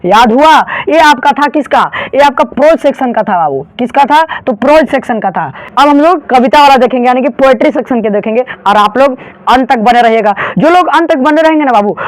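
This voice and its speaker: A young man in his late teens with a Bihari Hindi accent, explaining exam memory tricks in a chatty, repetitive way and drawing out titles slowly. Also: extremely high pitch, dry recording. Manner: chatty, repetitive, keeps calling listeners "babu", drags out titles slowly. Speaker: exam tutor.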